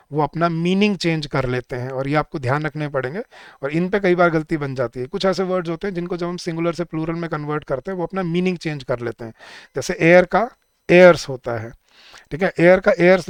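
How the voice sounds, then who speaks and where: Indian man teaching in a smooth voice. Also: a little high, no room sound, studio quality. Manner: explains by asking quiz questions, then answering himself; mixes Hindi with English example sentences. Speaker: English teacher. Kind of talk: online exam-prep lecture.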